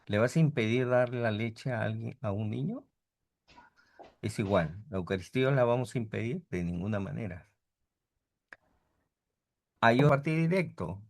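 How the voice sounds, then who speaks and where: A man's voice: fairly low pitch, expressive, normal speed, creaky, pauses often. A middle-aged man, a priest, giving an informal theology lecture over a video call, often ending sentences with a questioning "no" and acting out the voices of people he quotes. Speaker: priest teaching a theology class.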